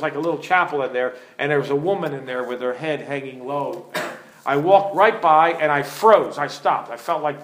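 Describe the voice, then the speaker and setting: A man's voice: fairly high pitch, a bit bright, slight background noise. A middle-aged man preaching as a pastor, teaching with stories and putting questions to his listeners in an earnest way. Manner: earnest, storytelling, asks the audience questions. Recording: echoey room.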